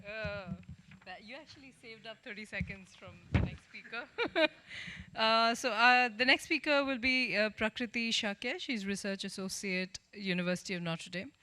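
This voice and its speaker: A woman moderating a conference session, introducing speakers in a friendly, brisk way. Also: mid-range voice, bright, forceful tone.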